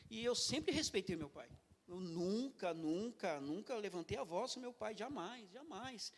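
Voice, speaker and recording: Gravelly fifties male guest pastor, emotional testimony, vivid and expressive. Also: sits high, a little slow. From Brazil. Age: 50s. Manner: emotional, vivid storytelling with acted-out quotes. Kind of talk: personal testimony in an interview.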